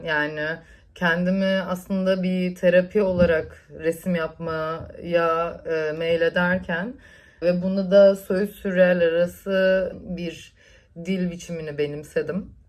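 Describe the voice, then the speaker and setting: A woman in her twenties, a painter and tattoo artist, gives a calm, reflective artist statement. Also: lowish voice.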